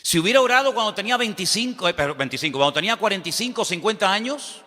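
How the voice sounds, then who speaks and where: A man's voice: sits high, animated, racing, bright, forceful tone, in a large hall. A man preaching a sermon as pastor, with rhetorical questions and a fervor that builds.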